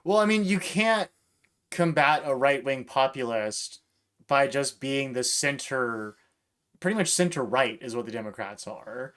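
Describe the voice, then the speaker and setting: A man's voice: mid-range voice, lively intonation, a little slow, a bit bright. A man co-hosting a podcast, arguing politics in a wry, casual way with dry asides. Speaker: podcast co-host.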